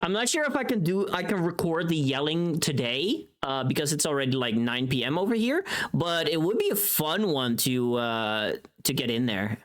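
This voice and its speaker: At normal speed and with hardly any pauses, a voice pack creator livestreams casual chat to viewers. Their mid-pitched voice is very lively, rambling playfully as thoughts come, with casual profanity throughout.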